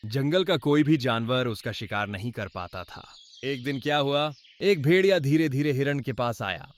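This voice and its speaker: A man's voice: medium pitch, expressive, normal speed. Man narrating a children's cartoon fable. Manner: addresses listeners directly. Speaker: storyteller.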